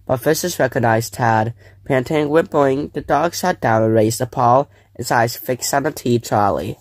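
A man reading a children's book aloud in a plain, steady storytelling voice. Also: mid-range voice, moderate pace, no room sound. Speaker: reader.

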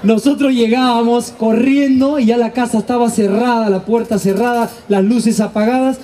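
A man's voice: very high-pitched, fairly even intonation, moderate pace, mellow. A man doing a stand-up comedy monologue, telling stories animatedly and acting out his family's voices. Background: audience laughter.

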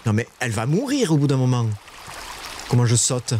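A man streaming a survival game, talking to his chat in casual live commentary and shrieking high when startled. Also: big pitch swings, a little fast, background noise.

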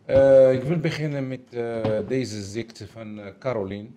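A man's voice: medium pitch, unhurried, warm tone, a little hiss or hum. A native Moroccan Arabic speaker, a man with a Moroccan accent, chatting on a panel in broken, mixed phrasing and repeating himself. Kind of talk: casual panel chat. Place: café-like room with small audience.

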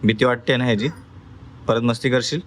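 At a quick clip and with fairly even intonation, this medium-pitched male voice comes through with slight background noise. In a family vlog, he talks to his audience as he firmly coaxes his small child through a meal, teaching the toddler as he goes.

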